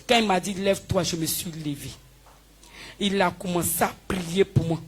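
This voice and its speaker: A woman giving a spoken healing testimony in church, telling her story with lively, acted-out dialogue. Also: on the low side, normal speed, husky, soft background music. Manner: animated storytelling, acting out dialogue with the pastor. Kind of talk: spoken testimony before a congregation.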